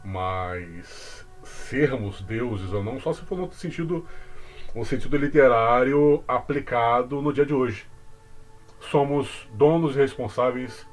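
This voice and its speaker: A man with a Brazilian accent explaining religious ideas in casual talk, deliberate, with asides to the viewer. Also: medium pitch, faint music behind. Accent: Brazilian Portuguese. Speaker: religious commentator.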